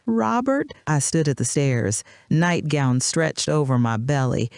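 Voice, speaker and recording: A woman's voice: a bass voice, unhurried, a little mellow, no room sound, studio quality. Dramatic older woman telling her life story. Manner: dramatic, short clipped sentences. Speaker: narrator of a first-person life story. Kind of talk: scripted storytelling narration.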